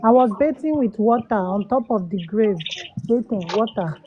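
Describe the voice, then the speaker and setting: A woman's voice: on the high side, animated, moderate pace, a little hiss or hum. A woman speaking politely and hesitantly as a caller on a remote line. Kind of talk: hesitant, polite call-in conversation. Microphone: remote call, dry sound. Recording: dull, lo-fi call audio.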